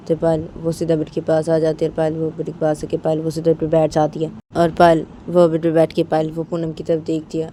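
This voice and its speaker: A woman's voice: low voice, dark tone, a little hiss or hum, poor audio. A woman narrating a serialized romance story in a casual, repetitive way, chaining each action with "and then".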